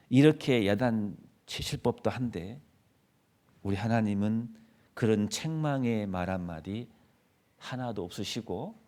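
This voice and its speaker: 설교하는 남성 목사. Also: male voice, on the low side. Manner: builds to loud rebuking quotes, then drops soft and gentle. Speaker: pastor. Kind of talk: sermon. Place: church sanctuary.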